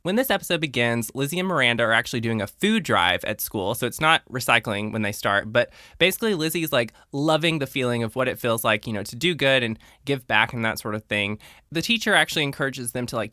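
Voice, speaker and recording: A man's voice: mid-range voice, pushed and bright, no echo, clean studio sound. A young adult man hosting a podcast, chatting casually and retelling scenes with playful quoted lines. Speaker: podcast host.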